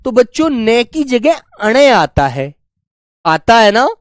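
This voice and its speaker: A man teaching a spelling class online, coaxing his students and slowly repeating words to show how they are said. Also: very high voice, very animated, no room sound, studio quality. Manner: coaxing, keeps calling students "beta" and "bachche". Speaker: Hindi teacher.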